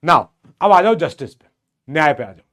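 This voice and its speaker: A man with an Indian accent teaching an online class, conversational and teasing, mixing Hindi and English and slowing to dictate English word by word. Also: a little high, lively intonation, fairly bright tone.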